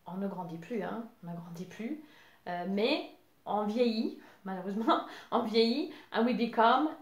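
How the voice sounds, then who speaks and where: A woman whose first language is English leads a children's English lesson, stretching out each word slowly and patiently. Her voice sits at an ordinary middle pitch. The sound carries the echo of a reflective room. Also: a little mellow. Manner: slow, patient, drawn-out teaching voice switching between French and English. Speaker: English teacher. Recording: echoey room.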